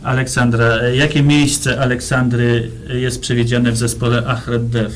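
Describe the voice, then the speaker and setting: A man's voice: mid-range voice, little pitch movement, a little slow. Guy hosting a local music show, kinda hesitant, bit of hiss on old 90s tv tape. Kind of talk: studio interview. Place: TV studio. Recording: noisy 1990s TV studio tape.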